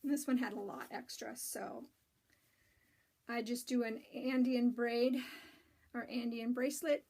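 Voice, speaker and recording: Hosting a casual knitting and spinning show-and-tell, a woman rambles along with plenty of ums and restarts. Her raspy voice is slightly high and a bit mellow.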